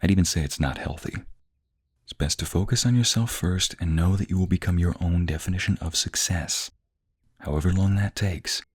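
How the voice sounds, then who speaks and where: A man playing a tender, reassuring boyfriend in a soft, gentle, soothing ASMR ASMR role-play, with a low, breathy, gravelly voice. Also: moderate pace. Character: tender, reassuring boyfriend comforting his crying partner.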